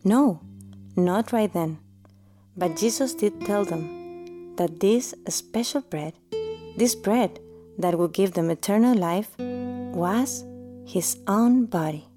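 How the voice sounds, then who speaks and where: A woman voicing a gentle, devout noble mother who speaks softly and tenderly, almost in a whisper. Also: mid-range voice, takes it slowly, pauses often, over music, lightly acted. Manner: soft, tender, half-whispered. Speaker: voice actor. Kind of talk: audio drama acting.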